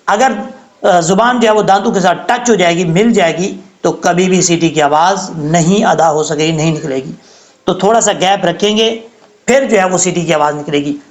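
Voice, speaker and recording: A man teaching Quran recitation rules, explaining each letter patiently and step by step. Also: sits high.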